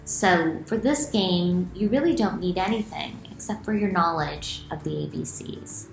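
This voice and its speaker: Indoors in a small room at home, a middle-aged woman who writes children's books reads and explains things to kids with plenty of expression. She speaks at a measured pace in a fairly low voice, and the rough recording is reverberant with faint background music.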